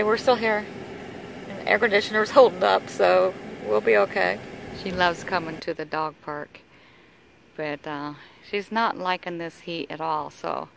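Chatty woman with a gravelly voice. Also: lowish voice. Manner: chatty, laughs often, unhurried. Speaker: vlogger filming her travels. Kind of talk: casual vlog narration. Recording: noisy phone audio with traffic and air conditioning.

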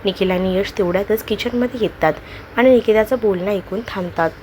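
A woman narrating a love story in a steady, even reading voice. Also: medium pitch, brisk, slight background noise, poor audio.

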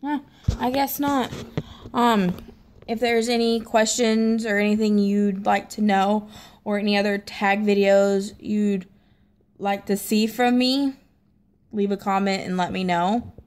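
A young woman from the American South with a Southern accent, chatting casually to camera in a hesitant, low-key way. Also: fairly even intonation, a little slow, darkish tone. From Tennessee and Mississippi, United States. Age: young adult. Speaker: amateur vlogger. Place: small living room at home, seated in an armchair.

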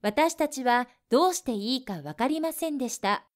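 A woman reading translations of lesson sentences in a brisk, neat manner. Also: high-pitched, lively intonation. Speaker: translation reader.

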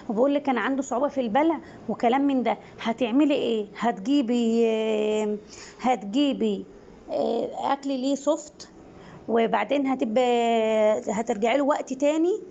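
A woman's voice: fairly high pitch, dark tone, muffled recording, a little hiss or hum. A woman with an Egyptian Arabic accent, a nursing assistant casually recapping exam questions to viewers, hesitant with many restarts.

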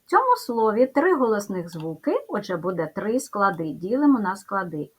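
A woman's voice: mid-range voice, very animated, moderate pace, husky. A woman teaching a careful first-grade spelling lesson, sounding out letters and sounds one by one.

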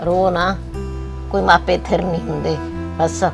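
A woman playing a frail, gentle elderly village mother with a Punjabi accent, consoling her daughter. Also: on the low side, little pitch movement, a little slow, vocal fry, over music. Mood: tender. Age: older. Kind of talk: village drama acting.

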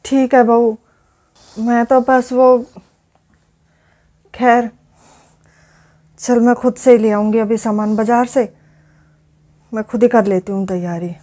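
An actress playing a gentle, accommodating mother-in-law in a family drama. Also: a little high, fairly even intonation, slow, long pauses. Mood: patient. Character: patient, kindly mother-in-law. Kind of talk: Hindi family drama acting.

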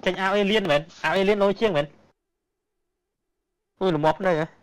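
A man streaming and commenting on a video game, excitedly repeating short exclamations as he plays. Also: high voice, moderate pace, clear, resonant tone, low-quality recording. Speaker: gaming streamer.

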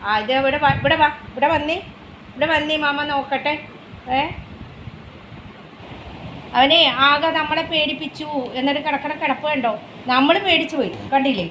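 A woman's voice: high-pitched, steady tone, moderate pace, pauses often, fairly bright tone, slight background noise, poor audio. A woman vlogger chatting casually with viewers, repeating herself and coaxing her dog in baby talk, recorded on a phone outdoors. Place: outdoors at home near a gate.

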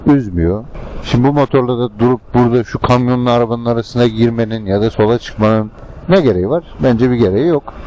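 A man giving casual, rambling and colloquial commentary to viewers from inside a helmet while riding a scooter in traffic. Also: medium pitch. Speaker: motovlogger. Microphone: helmet-mounted microphone. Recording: muffled helmet mic, loud engine and road noise. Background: vehicle and traffic noise.

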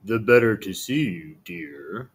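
A man voicing a sly, greedy male wolf in a storybook reading, with a husky voice and a slow, scheming drawl. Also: on the low side, animated, pitched below the performer's own voice, full character voice.

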